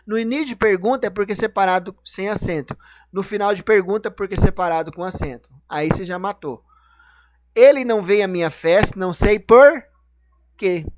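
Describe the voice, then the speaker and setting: A man's voice: high voice, brisk, dry recording. A man teaching a grammar lesson, explaining each rule and then asking and answering his own questions.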